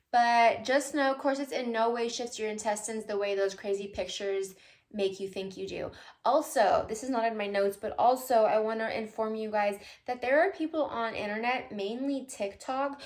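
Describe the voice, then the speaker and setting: A woman vlogging casually at home, answering viewer questions in a chatty, playful way with loose tangents and asides. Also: on the high side. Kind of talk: casual chat.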